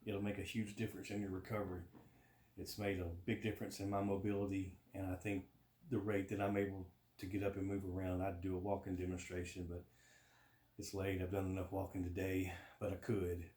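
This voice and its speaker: A man's voice: low voice, completely flat delivery, fairly quick, darkish tone. A man chatting casually to camera in a plain-spoken, matter-of-fact way, as in a personal vlog update. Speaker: vlogger giving a surgery recovery update. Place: indoors at home. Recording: roomy home echo with faint noise.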